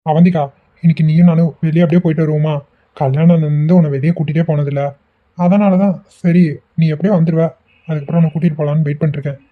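A man's voice: on the high side, fairly even intonation, fast talker, natural voice. A man voicing an affectionate young husband in a cartoon, pressing his wife with questions. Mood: coaxing. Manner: teasing, insistent questioning. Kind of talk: cartoon voice acting. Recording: tinny phone-like audio.

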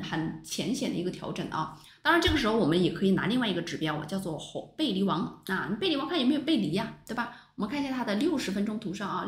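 A woman teaches a stock market class over chart screens. Her pitch swings widely and she keeps throwing rhetorical questions at her viewers. The sound has a roomy echo around it. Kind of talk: livestream stock chart lesson.

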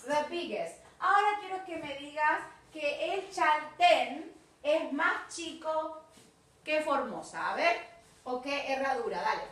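A woman's voice: high voice, expressive, slow, a bit bright, heavy reverb, far from the mic. A woman with an Argentine Spanish accent teaching an online English lesson, coaxing and prompting her student, repeating words for drills.

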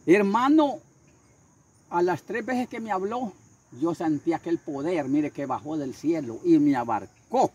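An older man tells his story with fervor, repeating his phrases and acting out each voice. His voice is husky and high, and it leaps through a wide range. Crickets chirp faintly behind him outdoors. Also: animated, measured pace, a little mellow. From Honduras. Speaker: street preacher. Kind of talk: storytelling interview.

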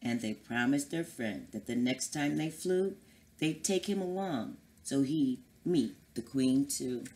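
A woman reads a picture book aloud to children, slow and unhurried. Her voice sits very low, and she puts on voices for the animals. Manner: lively storybook reading with character voices. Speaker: guest reader.

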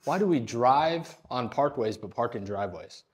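A man's voice: medium pitch, moderate pace. A man trading jokes and casual talk while working out in a gym. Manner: joking, goofy, deadpan wordplay.

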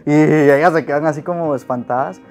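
A young adult man shares a personal testimony through earnest, emotional storytelling that often grows louder, then leads a prayer. His voice is fairly high-pitched and brisk, with faint music in the background.

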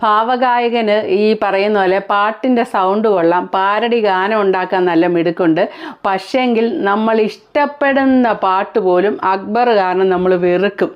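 A woman's voice: medium pitch, normal speed, clean tone, muffled recording. A woman from Kerala giving blunt, critical reality-show commentary as a vlogger, full of rhetorical questions.

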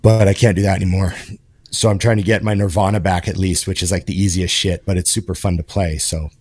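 A man's voice: deep voice, little pitch movement, fast, darkish tone, slightly rough, dry recording. A man in his forties co-hosting a podcast in casual chat, rambling with lots of fillers and restarts. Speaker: podcast co-host. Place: home studio with video call. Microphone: headphones and desk microphone.

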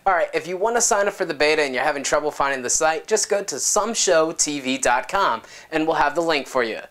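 A woman hosting a tech show with a low voice. Her delivery is lively and upbeat, and her pitch moves up and down a great deal. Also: brisk. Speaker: show host. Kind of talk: presenting.

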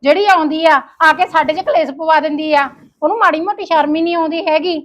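A woman's voice: high voice, quick pace. A woman with a Punjabi accent playing a jealous, nagging village wife who scolds her husband and his sister. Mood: scolding. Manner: scolding and sharp. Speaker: quarrelsome wife and sister-in-law. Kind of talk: comic family drama acting.

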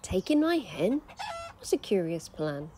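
A woman's voice: sing-song, unhurried, noisy background. A woman voicing a fussing, flustered little old lady in a children's storybook reading, pleading and exclaiming. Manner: exclaiming, pleading, rising to high squeals.

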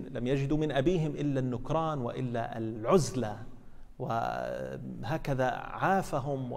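A man's voice: medium pitch, a little mellow. A man giving a colloquial Quran commentary lesson as an imam in a mosque, acting out dialogue and asking rhetorical questions. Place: mosque hall. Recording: reverberant mosque hall.

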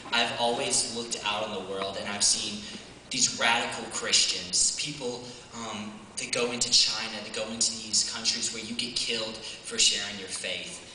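A man's voice: lowish voice, pushed and bright, slight background noise. A young man giving a casual, hesitant talk with many fillers, then performing a spoken word poem with rising intensity. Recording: echoey hall from far off, faint ambience.

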